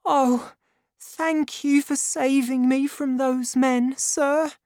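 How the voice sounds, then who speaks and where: A woman voicing a frightened young woman who pleads in a high, strained voice. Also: steady tone, takes it slowly, darkish tone, no room sound, studio quality. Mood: anxious.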